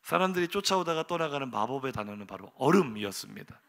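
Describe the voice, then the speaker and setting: In the church sanctuary, the middle-aged preacher speaks fast in a gravelly, medium-pitched voice. He animates his sermon's story with sudden loud outbursts and rhetorical questions aimed at the congregation.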